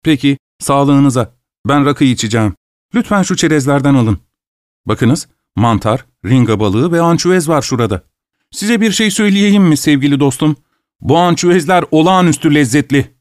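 A man's voice: on the high side, animated, moderate pace, no echo, clean studio sound, natural voice. A man voicing a stingy, anxious male host who speaks with strained, ingratiating politeness. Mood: nervous.

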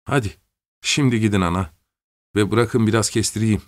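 A man voicing an exhausted young factory worker who talks in a calm, soft, flat tone. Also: lowish voice, normal speed, no room sound, clean studio sound, natural voice. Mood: weary calm.

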